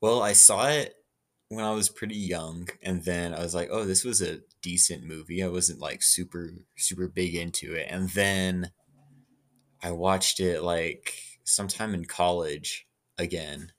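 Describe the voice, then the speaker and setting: A man's voice: low voice, fairly even intonation, unhurried, fairly bright tone. A man co-hosting a podcast, chatting casually and playfully about a favorite movie. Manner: playful, reads blurbs in a mock trailer voice. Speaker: podcast co-host. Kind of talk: casual chat. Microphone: home podcast mic.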